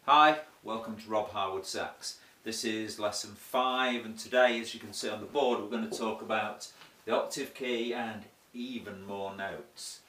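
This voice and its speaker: With the hiccups, a man steps through a laid-back saxophone lesson, joking at his own expense as he chats. His voice is on the low side, a little slow and sharp in tone. The room has a board, and the sound is distant and echoey.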